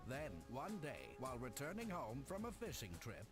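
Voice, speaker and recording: An actor playing a grand storybook narrator, reading scripted narration for a cartoon video game. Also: male voice, medium pitch, wildly swooping pitch, normal speed. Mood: grand storytelling. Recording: game audio with music.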